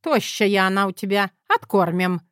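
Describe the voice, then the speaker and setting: A brusque, commanding old mother from an audiobook, protective and sharp-tongued, as a woman reader puts her on. She snaps orders in a loud, raised voice. The recording is dry and close. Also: mid-range voice, animated, normal speed, clear, resonant tone, no room sound, close to an everyday voice. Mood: bossy.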